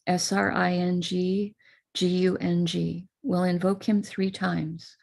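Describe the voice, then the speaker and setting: In a live online prayer session held over video call, an American woman teacher speaks calmly and instructively between slow chants of invocation, using a creaky voice of fairly low pitch.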